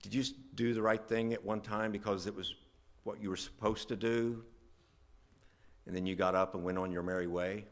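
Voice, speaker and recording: A man's voice: on the low side, steady tone, moderate pace. A middle-aged man from West Virginia, a pastor preaching a sermon with emphatic swells on key lines.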